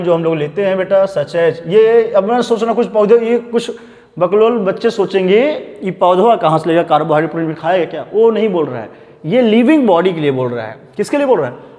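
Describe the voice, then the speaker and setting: Teaching biology for exams, a man speaks Hinglish in a high voice with a somewhat dark tone and a long reverb. He repeatedly calls his students "beta" and says "dhyan denge," reading textbook lines slowly and then rushing through the explanations.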